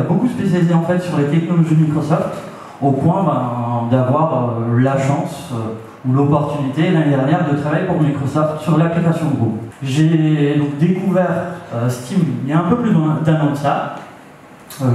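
Speaking into a handheld mic in a meeting room full of people, a young meetup presenter has a warm, slightly high voice. His talk is halting, packed with fillers and fresh starts, picked up from far off in an echoey space with a little background noise.

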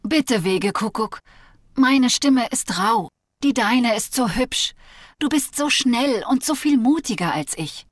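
A woman's voice: a little high, no echo, clean studio sound, pitched above the performer's own voice. A woman voicing a vain pleading rattlesnake. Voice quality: slow, rough hissing voice. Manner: pleading, flattering, then bitter. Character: vain, lonely, spiteful female rattlesnake. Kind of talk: fable reading in a video game.

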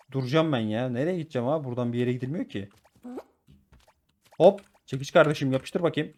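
With a slightly high voice, this man streams gameplay on YouTube, reacting excitedly as he plays. He treats his audience as friends and bursts out with repeated words.

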